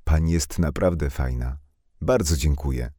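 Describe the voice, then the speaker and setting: A man's voice: very deep voice, normal speed, warm tone, slightly rough, dry recording, studio quality. A man voicing a talkative, blunt young village woman with slangy, impulsive speech. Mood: chatty.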